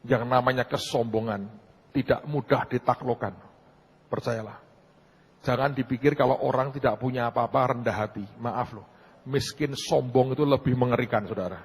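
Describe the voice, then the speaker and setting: A man's voice: medium pitch, steady tone, normal speed, husky. A middle-aged man preaching as pastor, telling a story in a conversational, joking way and often turning to the congregation. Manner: mixes humor into preaching. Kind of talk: sermon.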